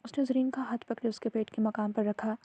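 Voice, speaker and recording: A woman voicing a tender husband who speaks softly and soothingly to his wife. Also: on the high side, steady tone, slightly rough, no echo. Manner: soft, soothing. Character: tender loving husband, police officer.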